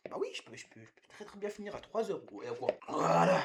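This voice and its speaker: Excitable high-voiced young male streamer. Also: quick pace. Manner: loud, excitable, swears and teases chat. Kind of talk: casual live-stream chat while cooking. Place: home kitchen.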